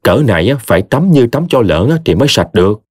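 A man's voice: lowish voice, very animated, fast talker, darkish tone, dry recording, studio quality. A man voicing a bitter, scornful young wife in an audio story.

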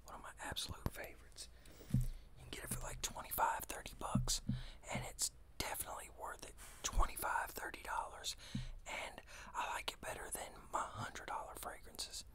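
An American man in his thirties whispers an informal ASMR product review close to a desktop microphone. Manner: slow, unhurried, informal whispering. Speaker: fragrance reviewer and ASMR host. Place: small indoor room with shelves of bottles. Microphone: close desktop condenser microphone.

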